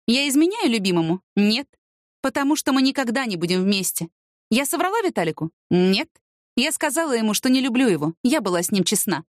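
A weary, listless young woman answers tiredly and defensively, as a woman reader voices her. Her voice is fairly high, recorded dry and close. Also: very animated, a little fast, no room sound.

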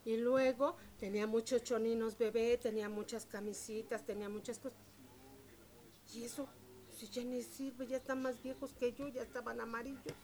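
A woman, telling stories in a lively, chatty and devout way during an interview. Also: a little high, moderate pace. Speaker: interviewee, local shop owner. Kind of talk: casual storytelling interview. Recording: street crowd noise behind.

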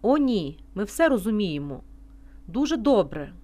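A woman reading an audiobook voices a brash jealous woman with an unpleasant hissing tone and a showy, overly loud manner. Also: mid-range voice, very animated, unhurried. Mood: mocking.

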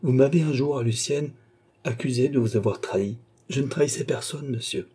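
A man's voice: medium pitch, a little fast, mellow, slightly rough, natural voice. A man reading an audiobook, voicing an earnest, proud young man in rags who pleads yet stays resolute.

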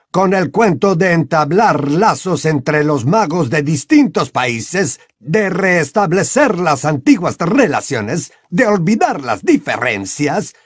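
A man voicing an indignant, suspicious headmaster who rants and accuses, in a husky raised voice. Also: sits high, dry recording, clean studio sound, voice pushed up, full character voice. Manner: accusing, ranting. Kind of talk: audiobook character voice.

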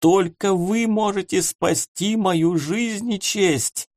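A man voicing a drunk, desperate officer who pleads in a slow, theatrical way. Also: high voice, dry recording, pitched above the performer's own voice. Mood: melodramatic pleading. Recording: dry close studio sound.

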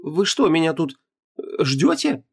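A man's voice: a little high, sing-song, unhurried, vocal fry, husky, voice pushed up, full character voice. A man voicing a sardonic young woman, a restless spirit, who stammers and hesitates before turning sarcastic. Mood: hesitant.

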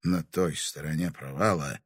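A man narrating an audiobook in an expressive, lively reading style. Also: extremely low pitch, moderate pace, husky, no room sound, clean studio sound. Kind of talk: scripted narration.

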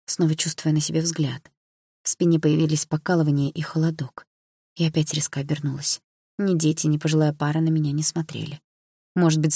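A woman narrating a novel in the first person, calm and even, close to the mic. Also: low-pitched, husky, no echo. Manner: calm, even storytelling with inner thoughts. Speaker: audiobook narrator.

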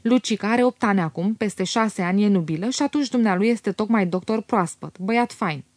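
A meddling, talkative young man, as a woman reads him in an audiobook, pushing his point in an insinuating way. The voice stays close to the reader's own, sometimes dipping a little lower. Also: darkish tone, no echo, lightly acted. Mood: pushy. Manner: pushy, insinuating.

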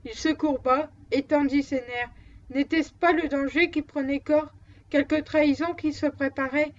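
A woman narrating a novel aloud as an audiobook, in an even, measured manner, on a dull lo-fi recording. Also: high-pitched. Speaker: audiobook reader.

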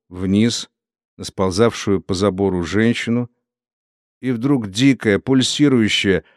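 A man narrating a literary novel in a steady, solemn storytelling manner. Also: medium pitch, no room sound, clean studio sound. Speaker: audiobook narrator.

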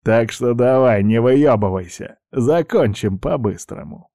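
A man's voice: medium pitch, animated, measured pace, mellow, no room sound, clean studio sound. A man voicing a crude, menacing bald male street thug who sneers and swears. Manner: sneering, threatening, foul-mouthed.

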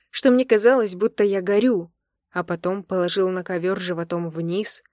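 A young woman reads a first-person romance audiobook in a medium voice, expressive and intimate. The recording is close and dry, with no room sound. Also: mid-range voice, no echo. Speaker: narrator.

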